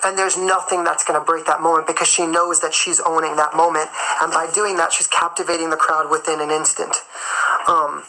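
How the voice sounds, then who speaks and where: He talks briskly in a high-leaning, bright, forceful voice that stays fairly flat in pitch, and the recording quality is low. A singer and performer, he's hosting a live stream and chewing gum while giving a motivational talk full of emphasis and repeated key phrases.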